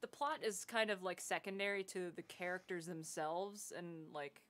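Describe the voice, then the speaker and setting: Bright-voiced woman streamer chatting casually. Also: lowish voice, moderate pace. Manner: sweary, informal. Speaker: game streamer. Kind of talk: casual livestream chat.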